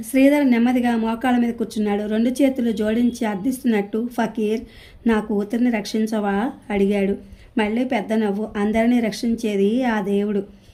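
A woman narrating a novel aloud in a steady, measured storytelling voice. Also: on the high side. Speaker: audiobook narrator.

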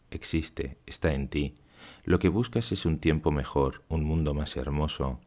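A man voicing a wise, gentle young woman in an audiobook, reading in a solemn, measured way. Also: rumbling low.

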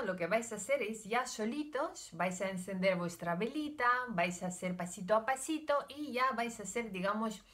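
Her mid-range voice has a sharp tone. An older woman from Ukraine, she speaks with a Russian accent as a native Russian speaker, vlogging casually and hesitantly to camera from a room in her home, chatty and gesturing with her hands.

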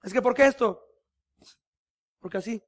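A man with a Mexican Spanish accent delivering a sermon in a high, ringing voice. He preaches with passion but keeps it conversational, peppering his talk with rhetorical questions. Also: normal speed. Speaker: pastor.

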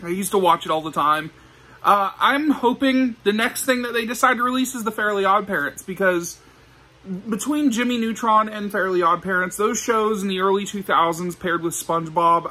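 In a small indoor room lined with shelves of discs, a young man hosts a casual vlog, speaking to the camera like an eager fan. His high voice has a sharp tone and a moderate pace, and the audio quality is poor.

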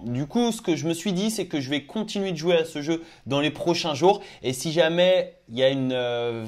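A young man chatting casually as he tries out crypto apps on his phone, thinking aloud with lots of fillers. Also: a little high. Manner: chatty, thinks aloud with many "euh" and "du coup". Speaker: crypto YouTuber. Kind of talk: casual screen-recorded app review.

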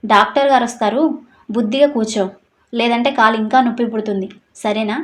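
A woman's voice: a little high, fairly even intonation, a little fast, natural voice. A woman voicing a playful, bossy young husband who teases and scolds his wife in a read-aloud story. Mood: teasing. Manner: teasing, scolding.

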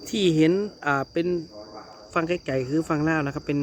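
A man's voice: on the high side, steady tone, moderate pace. A man with an Isan Northeastern Thai accent gives a casual walking tour of a hilltop temple and its viewpoint. He keeps calling out to his viewers as brothers and sisters. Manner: chatty, constantly addresses viewers as brothers and sisters. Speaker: travel vlogger and tour guide. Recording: noisy outdoor recording with insects and traffic.

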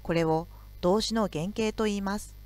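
A woman teacher giving a recorded video lesson, explaining grammar slowly and carefully. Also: mid-range voice, a little mellow.

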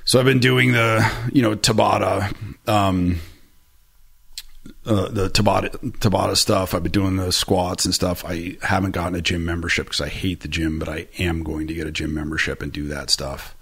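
His voice is low and level, moving at a moderate pace, creaky and a bit bright with a breathy edge. He's a man in his forties giving a rambling, candid conversational interview as a podcast guest, packed with fillers and self-deprecating asides. The setting is a small room with bright orange shelves, with a boom-arm studio mic right at his mouth.

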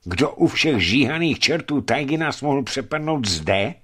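A man voicing an excitable male expedition companion who talks emphatically. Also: medium pitch, husky, pitched above the performer's own voice. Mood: emphatic. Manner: emphatic, exclaiming.

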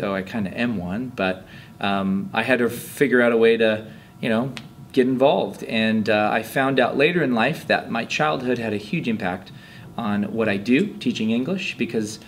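A man in his thirties, an English teacher, answering interview questions in a relaxed, halting way in a classroom. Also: fairly low pitch, slight background noise. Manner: relaxed, halting, many fillers. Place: classroom, indoors. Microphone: handheld mic held by interviewer.

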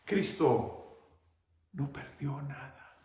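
A man's voice: mid-range voice, extremely slow, warm tone, reverberant, slight background noise. A man with a Mexican accent preaching an emphatic sermon as a pastor, slipping into English phrases. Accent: Mexican Spanish. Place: church sanctuary.

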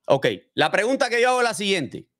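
A man's voice: high-pitched, expressive, brisk, fairly bright tone. A man hosting a casual true-crime commentary, explaining with gestures and asking his viewers rhetorical questions. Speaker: host commenting on a criminal case.

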